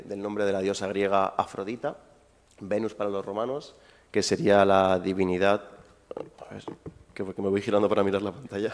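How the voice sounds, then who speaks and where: Low flat-voiced man lecturing in a reverberant hall. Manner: informal, chatty asides to the audience. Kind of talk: public lecture. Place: university lecture hall with audience.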